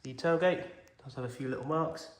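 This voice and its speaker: A car salesman suffering from a cold speaks fairly quickly in a mid-range voice as he walks around a pick-up outside. He describes its condition simply, methodically and reassuringly, and the walk-around video sounds echoey with a bit of noise.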